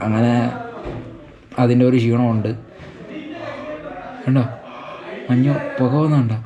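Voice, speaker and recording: A man's voice: mid-range voice, fairly even intonation, slow pace, dull audio. A young man with a Malayali accent chatting casually to viewers as a travel vlogger, mixing Malayalam with English words and phrases. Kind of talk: casual vlog chat to viewers. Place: outdoors around a hill town and forest. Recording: outdoor street sound with background chatter.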